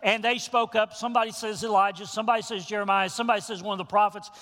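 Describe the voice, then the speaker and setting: A man preaching a sermon to his congregation as pastor, telling the story with animated, folksy asides. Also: sits high, racing, big-room sound.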